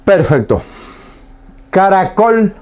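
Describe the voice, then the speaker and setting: A man teaching a language lesson on the radio, saying each word slowly and repeating it twice with pauses. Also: high voice, sing-song, darkish tone. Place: radio studio.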